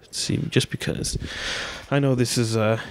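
A man's voice: medium pitch, fairly even intonation, moderate pace. A man in his twenties hosting a casual solo podcast from a small room at home, rambling in a loose, laid-back way with lots of filler words and swearing, speaking into a handheld mic. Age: 20s. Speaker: podcast host. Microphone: handheld dynamic mic, wearing headphones.

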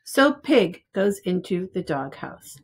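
A preschool teacher in her forties reads a picture book aloud to young children, using simple, expressive phrasing. Her voice is lowish and slow, with background noise in the recording.

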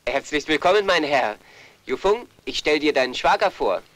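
A gentle, meek middle-aged elder brother with a high, lively, bright voice. He fusses over family, laughs easily and pleads rather than argues, in a German film dub. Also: normal speed, no room sound. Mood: welcoming. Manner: fussing, laughs often, pleading. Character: kind, meek older brother, hiding an injury. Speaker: older brother.

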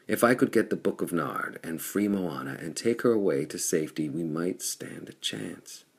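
A man's voice: deep voice, lively intonation, normal speed, creaky, breathy edge, full character voice. A man reading the lines of a bold adult male pirate chief who speaks in an earnest, determined way.

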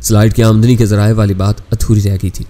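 A man reads a spy novel aloud with a fairly low, mellow voice. He keeps a steady storytelling pace and voices every character without changing his voice. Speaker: narrator. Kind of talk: scripted audiobook narration.

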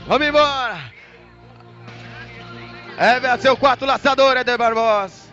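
A man's voice: extremely high pitch, measured pace, pushed and bright, dull audio, soft background music. A Brazilian man giving hyped rodeo announcer commentary on a roping run, with rolling, repeated calls. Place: outdoor rodeo arena.

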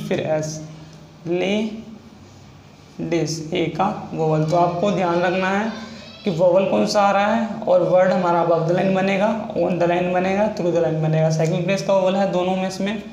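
A man's voice: high-pitched, steady tone, normal speed, darkish tone. A man teaching a shorthand lesson, explaining each step over and over. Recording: echoey room with faint noise.

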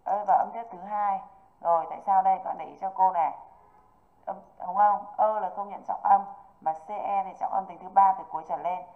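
Over tinny, phone-like call audio, a female English teacher guides students through an online exam review. She is patient and keeps checking they understand. Her medium-pitched voice is steady and brisk.

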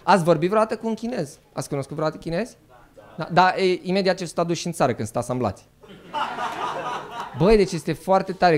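A man performing a stand-up comedy set, animated and mock-outraged, jumping into quick character voices. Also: a little high. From Romania. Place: live comedy venue.

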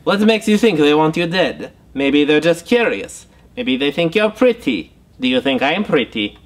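A man playing an unhinged male psychiatrist who is a VHS tape, speaking through a face mask in a deadpan clinical manner in a comedy sketch. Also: a little high, moderate pace. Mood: probing. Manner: deadpan clinical calm turning deranged.

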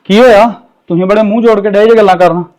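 A man acting as a fatherly elder brother with a reproachful, lecturing way of talking. His voice is pitched very high for a man. It is a family drama scene. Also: steady tone, quick pace, a little mellow, slight background noise, lightly acted.

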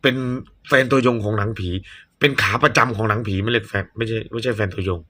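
A man's voice: mid-range voice, a bit bright, husky. A man hosting a movie reaction channel, chatting casually and rambling, with blunt opinions and frequent self-corrections. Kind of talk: casual chat.

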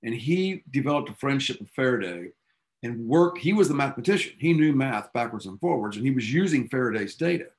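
A man's voice: mid-range voice, animated, fairly quick. A male physics teacher lectures his class with a mid-range voice. He tells science history in an eager, chatty way, tossing in casual asides as he goes. The sound suggests a classroom. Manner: enthusiastic storytelling, casual asides.

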